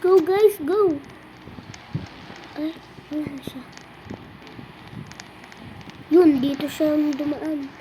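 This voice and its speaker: High, unhurried voice, excitable teasing streamer, noisy home recording. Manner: excitable, teasing chatter with frequent exclamations. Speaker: gameplay streamer. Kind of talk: casual game commentary.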